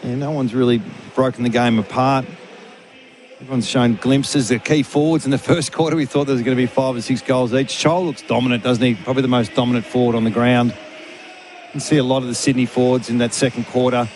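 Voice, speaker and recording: A man with a medium-pitched voice gives conversational match analysis. He repeats words as he works out his point, over faint ambient noise. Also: fairly even intonation, fairly quick, a little mellow. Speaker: sports analyst.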